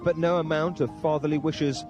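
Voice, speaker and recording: A man's voice: on the high side, flat delivery, muffled recording, music in the background. Man reading an archive news report. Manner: measured broadcast delivery.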